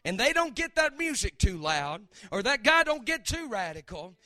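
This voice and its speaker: A male preacher delivering a fervent sermon, swinging from quiet talk to shouting. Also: very high voice, sing-song, normal speed, no echo.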